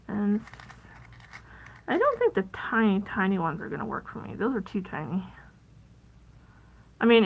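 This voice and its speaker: A woman's voice: on the high side, a little hiss or hum, poor audio. Chatty woman hosting a craft livestream. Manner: chatty and rambling, with many fillers and soft asides. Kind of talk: casual live crafting chat.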